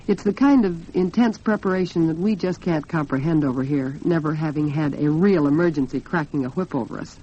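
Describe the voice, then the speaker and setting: On a dull, lo-fi 1940s radio recording, this American host of a women's talk show offers commentary and a sponsor message, earnest and polished in her articulation. Her deep voice is warm with a breathy edge, and she speaks briskly with few pauses.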